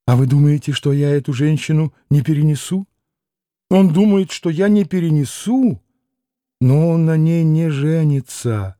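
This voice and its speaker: A man's voice: a little high, lively intonation, measured pace, warm tone, no room sound, clean studio sound. A man reading an audiobook voices a proud, anguished young noblewoman who pleads and exclaims passionately. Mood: bitter. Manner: impassioned, pleading, rising to exclamations.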